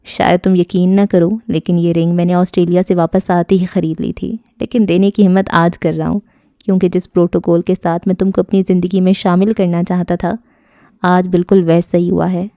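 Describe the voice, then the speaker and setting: A confident young suitor in an audio storybook, teasing and affectionate in a warm, mellow voice, read by a woman narrator. Recorded close and dry with no room sound. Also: fairly low pitch, flat delivery, no echo, lightly acted.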